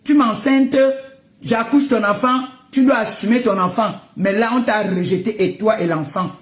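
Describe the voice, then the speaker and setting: A woman's voice: medium pitch, normal speed. Scolding woman in an echoey room. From Cameroon. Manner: scolding, mocking, breaks into laughter. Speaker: social media commentator. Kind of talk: heated live rant.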